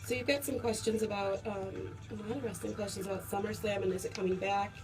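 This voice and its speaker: A woman's voice: medium pitch, steady tone, fast, over music. A woman co-hosting a radio show, chatting casually and reading out listener messages in the studio. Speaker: radio co-host.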